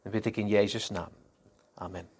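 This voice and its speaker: A man preaching a sermon, opening with prayer and telling stories in a halting way, often repeating words. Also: lowish voice, steady tone, darkish tone, a little hiss or hum. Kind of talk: sermon with storytelling.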